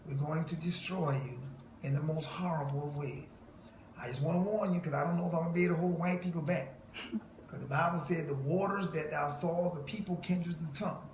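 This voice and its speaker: A man's voice: on the high side, brisk, a little mellow. A man delivering an emphatic preaching monologue to a listener, quoting scripture and laughing mockingly. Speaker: self-styled preacher. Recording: echoey room with faint noise.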